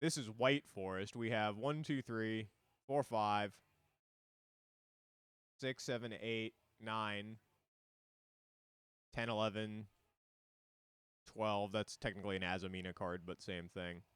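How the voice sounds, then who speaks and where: A man's voice: on the low side, steady tone, takes it slowly, long pauses, fairly bright tone, smooth, no echo. A man streaming a card game, explaining it in loose, rambling casual talk full of fillers.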